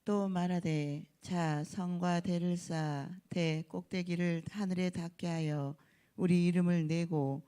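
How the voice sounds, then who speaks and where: Mellow, smooth responsive scripture reader. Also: medium pitch, fairly even intonation, takes it slowly. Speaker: congregant reading responsively.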